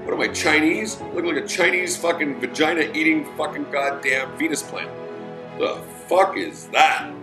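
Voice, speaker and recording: A livestream host grumbles and rants crudely, cursing constantly in a fairly high, fairly quick voice with few pauses. The recording has a roomy echo and faint music.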